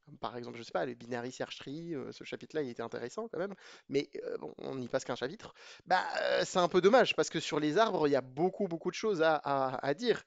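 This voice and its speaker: A man with a somewhat high voice reviews programming books in a loose, chatty way, stumbling through fillers and restarts as he talks straight to his viewers. The sound is dry with no room echo, and a little dull and lo-fi. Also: fairly quick, creaky. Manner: hesitant, many fillers and restarts; chatty and opinionated, addresses viewers directly. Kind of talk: casual spoken book review.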